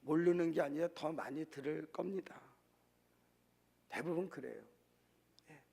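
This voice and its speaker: Gravelly high-voiced Korean pastor preaching. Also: male voice, measured pace, dark tone. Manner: conversational preaching with rhetorical questions to the congregation. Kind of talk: sermon.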